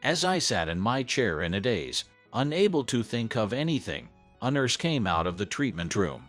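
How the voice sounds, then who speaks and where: A man's voice: fairly low pitch, very animated, moderate pace. A man narrating a first-person story in an earnest, scripted way. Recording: soft background music.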